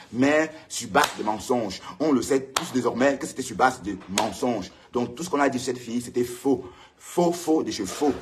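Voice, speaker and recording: A man hosting his own live stream alone with a ring light. He rants heatedly at rivals, repeating his warnings, and his pitch jumps up when he gets worked up. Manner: heated, repetitive, addresses rivals directly. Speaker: online show host. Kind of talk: solo live-stream rant.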